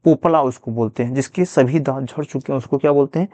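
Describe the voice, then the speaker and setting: A man's voice: medium pitch, quick pace, dark tone, no room sound, muffled recording. A man teaching a Hindi grammar revision lesson, asking questions and then answering them himself, repeating each answer. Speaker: exam prep teacher.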